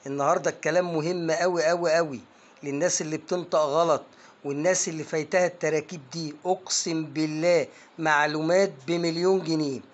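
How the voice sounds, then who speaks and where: An Egyptian man with a voice pitched a little high teaches an online pronunciation lesson. He coaxes his viewers along with emphatic urging and sounds out each word slowly, one syllable at a time. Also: steady tone. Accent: Egyptian Arabic. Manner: emphatic, coaxing, drills words slowly syllable by syllable.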